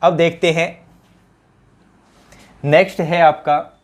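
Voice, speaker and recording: A man's voice: a little high, little pitch movement, slow. A man with a Rajasthani accent teaching an exam-prep grammar lesson, drilling each answer by asking the question again and addressing his students as companions.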